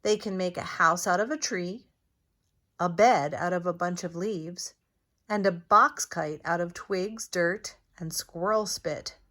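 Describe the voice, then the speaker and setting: A woman reading a children's storybook aloud in a deliberate, expressive teacher's manner. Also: on the low side.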